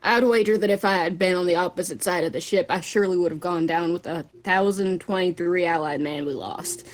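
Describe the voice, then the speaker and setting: A woman's voice: fairly low pitch, steady tone, fairly quick, lightly acted. A woman playing an earnest, folksy navy soldier giving a grave 1940s war broadcast interview. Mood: grave, resolute. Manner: folksy, earnest, polite military address. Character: grave, devout, patriotic World War Two navy soldier.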